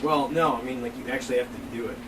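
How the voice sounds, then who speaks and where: A man's voice: medium pitch, fast talker. A man running a tabletop game as game master, narrating playfully. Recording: distant mic with loud room noise.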